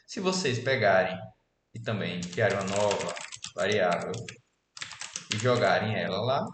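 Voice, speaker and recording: A man's voice: lowish voice, background noise. A man in his twenties from Alagoas, Brazil, casually explaining code in a screen-recorded programming lesson and checking in often with his students. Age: 20s. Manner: casual, relaxed explaining with frequent "beleza?" check-ins. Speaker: programming instructor. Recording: echoey room with faint keyboard typing.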